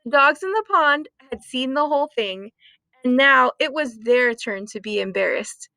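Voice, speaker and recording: A woman reading a children's story aloud expressively, with deliberate dramatic emphasis. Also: high-pitched, lively intonation, bright, forceful tone, dry recording. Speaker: storytime reader.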